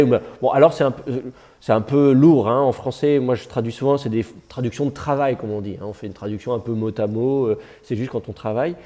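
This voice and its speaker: Patient male teacher, mellow voice. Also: mid-range voice. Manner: patient, thinks aloud with many fillers. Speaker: Biblical Hebrew teacher. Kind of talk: classroom explanation. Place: classroom.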